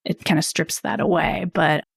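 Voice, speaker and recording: A woman copywriter talking as a podcast guest, reflective and laughing softly between thoughts. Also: deep voice, level tone, normal speed, creaky, husky, dry recording, studio quality. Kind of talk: casual interview chat. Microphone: video call.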